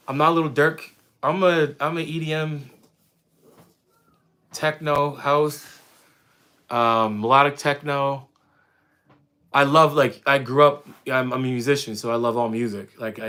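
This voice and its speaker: Here the Windsor, Ontario fitness streamer, a man in his thirties, responds to chat with a mid-range, bright, forceful voice. His answers are casual and friendly, peppered with fillers and restarts.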